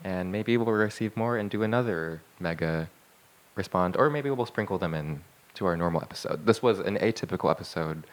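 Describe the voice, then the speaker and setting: A man's voice: sits low, a little fast. A man co-hosting a podcast in casual chat, rambling and chatty with lots of fillers. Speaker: podcast co-host.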